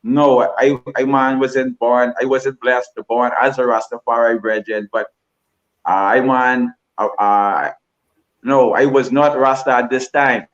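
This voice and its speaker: A man's voice: medium pitch, fairly even intonation, a little slow, lo-fi sound. A Bahamian man giving a livestream interview, rambling and repeating himself with lots of "you know". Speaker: guest.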